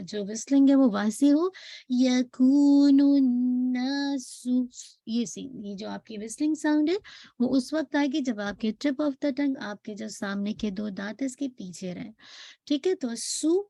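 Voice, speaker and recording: A woman leads a Quran recitation lesson, her voice pitched a bit high but warm and mellow. She models each sound slowly and patiently, drawing syllables out, then checks in with her listeners. The sound is dry and close, with no room echo. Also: vocal fry.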